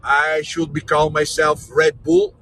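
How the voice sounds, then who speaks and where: A Brazilian man raised in Austria gives a live virtual tour from a moving vehicle, chatting casually with viewers as the vehicle hums in the background. His voice is fairly high and bright, his pace measured, and his non-native English comes out jokey and energetic.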